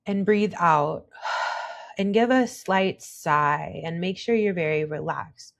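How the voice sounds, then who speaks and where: A young woman leads a calm pronunciation tutorial in an unhurried, slightly low voice. She is patient and encouraging, and she models each sound slowly and carefully. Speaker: Spanish teacher.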